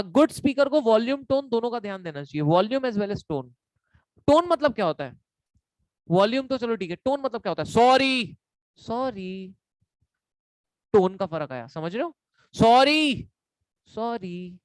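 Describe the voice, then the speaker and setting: A man's voice: high-pitched, sing-song, moderate pace, darkish tone, no echo. A man teaching an online exam-prep class as a quiz, playful and teasing, repeating each point and mixing in English. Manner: mixes Hindi and English. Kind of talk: live online lecture quiz.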